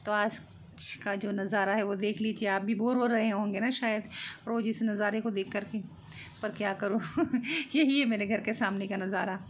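A middle-aged woman vlogs home cooking in her kitchen, chatting in a friendly way as she explains each step, with light laughs. Her mid-range voice is fairly even and paced normally, recorded on a phone with faint noise.

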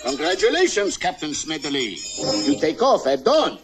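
A man's voice: on the high side, very animated, over music. A man voicing a formal squadron commander in a cartoon, addressing his officers in a ceremonious way. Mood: solemn, official. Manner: ceremonious, measured. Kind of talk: cartoon acting.

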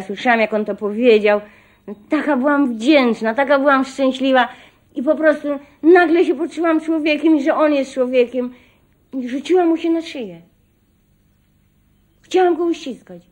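An older woman recounting her own experiences as a witness, in a measured, reflective way that sometimes drops to a hush. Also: on the high side. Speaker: survivor giving testimony. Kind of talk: spoken personal testimony.

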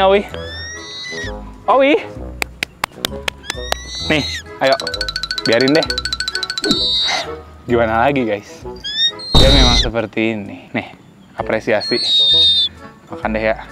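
A man chatting excitably to viewers while handling and feeding a pet, talking outdoors. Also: medium pitch. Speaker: animal vlogger. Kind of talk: casual vlog chatter.

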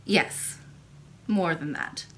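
A woman doing a soft ancient grandmother. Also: slight background noise. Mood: gentle. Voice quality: soft and low, slow. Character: gentle ancient grandmother, kind and mysterious.

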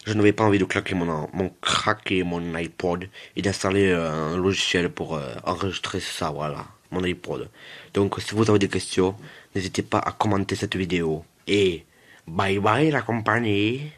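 In this gameplay video, the host talks at normal speed in a low but fairly bright voice. He's loose and rambling, circling back over what he's said and wandering off to joke with his audience.

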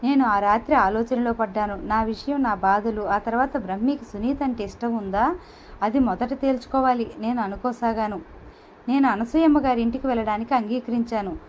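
A woman's voice: a little high, normal speed, a little hiss or hum, rough recording. A woman reading an audio novel aloud, narrating evenly in the first person. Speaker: audiobook reader.

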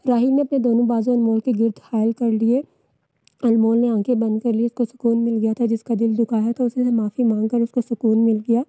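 Woman narrator, novel read aloud, dark mellow voice, dry close sound. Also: fairly high pitch, level tone, fairly quick, no echo. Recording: dull lo-fi, dry.

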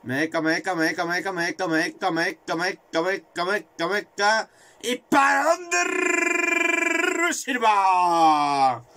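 A man commentating his own football video game, excitable and swearing, repeating words in rapid bursts. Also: sits high, background noise. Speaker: gaming video creator.

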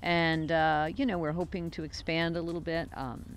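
Relaxed woman answering interview questions outdoors. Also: deep voice, moderate pace, a little hiss or hum. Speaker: guest, show organizer. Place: outdoors on a sunny farm lawn. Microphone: interviewer's handheld microphone.

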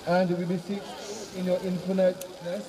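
Male priest saying solemn graveside prayer, highish voice, far from mic, people noise around. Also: completely flat delivery, normal speed. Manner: solemn, formal recitation. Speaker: clergyman officiating at a burial. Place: outdoor cemetery on open grassy ground. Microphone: far camera behind the speaker. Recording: distant mic outdoors, gathered crowd noise.

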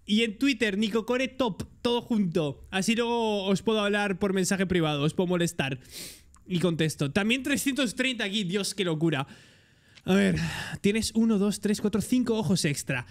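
A man with a Spain Spanish accent streaming a game, joking excitably and talking to his chat. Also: sits high, moderate pace. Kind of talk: live gameplay commentary.

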